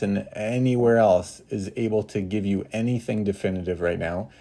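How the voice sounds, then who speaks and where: A man's voice: on the low side, warm tone. A man co-hosting a podcast, ranting sarcastically in casual chat. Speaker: podcast co-host.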